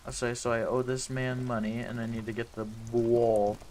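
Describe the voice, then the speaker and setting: A man's voice: medium pitch, flat delivery, normal speed, darkish tone, slight background noise. Man musing aloud over gameplay. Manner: musing, unsure, thinking aloud. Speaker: game streamer. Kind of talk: casual gameplay commentary.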